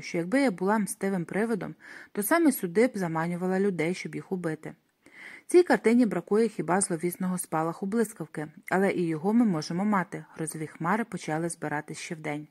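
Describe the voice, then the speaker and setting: A woman reading a first-person audiobook in a dramatic, expressive way. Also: on the low side, fairly quick. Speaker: audiobook narrator.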